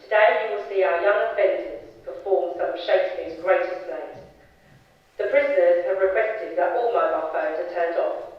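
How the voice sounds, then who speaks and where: Man playing a formal male prison announcer, high voice, distant, dull lo-fi sound. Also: normal speed, lightly acted. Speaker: actor in a student stage play. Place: theatre stage. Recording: echoey theatre, mic far off, dull sound.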